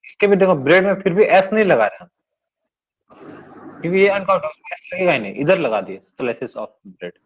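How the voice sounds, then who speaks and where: A man's voice: high voice, lively intonation, normal speed, slightly rough. A male teacher giving a classroom grammar lesson, explaining step by step and often checking that his students follow. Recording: dull lo-fi recording.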